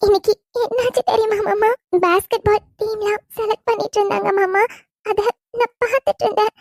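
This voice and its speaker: A woman's voice: very high voice, level tone, fairly quick, vocal fry, a little mellow, no room sound, studio quality. A woman voicing a feisty, sassy college girl. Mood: upset. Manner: sassy and bold, turns tearful when hurt. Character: feisty college girl, sporty and quick-tempered. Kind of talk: cartoon voice acting.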